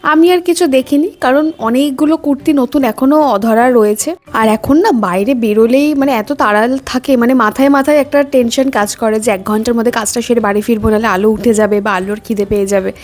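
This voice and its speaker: A young woman talks in an easy, chatty vlog style. Her voice sits high but sounds mellow and warm. She keeps it quiet and gentle. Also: brisk, few pauses. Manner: soft-spoken, chatty, speaks quietly while baby sleeps. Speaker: vlogger. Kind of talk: casual vlog chat.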